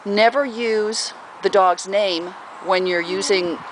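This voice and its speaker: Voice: medium pitch, steady tone, slow. A pet owner casually giving puppy training advice at home, rambling with many fillers and often breaking off to talk to the pets. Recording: noisy home recording.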